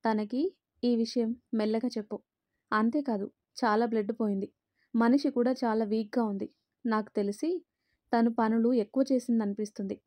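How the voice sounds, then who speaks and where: A woman's voice: on the high side, fairly even intonation, normal speed, long pauses, mellow, no echo, studio quality, natural voice. A woman voicing a doctor who gives firm, matter-of-fact instructions with a grave, reproachful tone.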